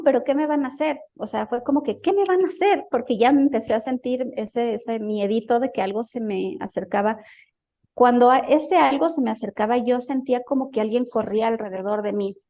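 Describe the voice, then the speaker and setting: A woman's voice: a little high, mellow, lo-fi sound. A woman in an interview, telling a personal experience in a casual, hesitant way and repeating words as she searches for them. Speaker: guest recounting a healing experience.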